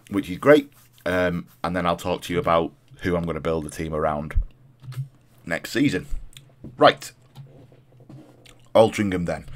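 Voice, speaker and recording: Stuffed up and throaty from a cold, a low-pitched man in his thirties offers casual commentary over gameplay as a video host. For emphasis, he says certain phrases more than once.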